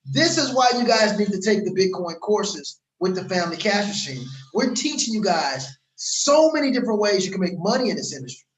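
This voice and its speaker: A man from Los Angeles with a fairly high voice gives a casual, hard-selling vlog pitch. He repeats himself and talks with a lot of animation, and his voice has an echoey ring to it. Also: sing-song, brisk, slight background noise. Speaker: crypto course promoter. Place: outdoors in a warm place.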